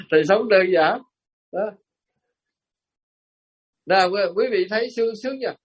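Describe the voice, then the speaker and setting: A man's voice: high-pitched, takes it slowly, pauses often. A Buddhist monk with a Southern Vietnamese accent, giving a sermon as folksy storytelling with frequent chuckles, speaking directly to his listeners. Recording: muffled lo-fi recording.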